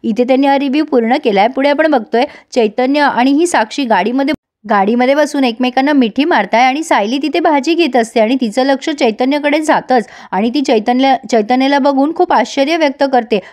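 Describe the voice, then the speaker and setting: Woman recap narrator, high voice, plain storytelling addressed to viewers. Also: a little mellow.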